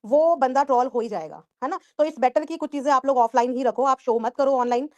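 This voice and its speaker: A woman's voice: high-pitched, animated, brisk, dry recording. A woman hosting a live stream panel, firm and reassuring as she advises her guest. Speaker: host and moderator of the live stream.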